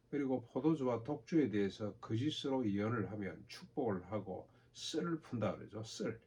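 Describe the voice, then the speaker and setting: An older male pastor delivers a sermon in a low, gravelly voice. He speaks in a measured way, posing rhetorical questions to the congregation. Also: dark tone, muffled recording, a little hiss or hum.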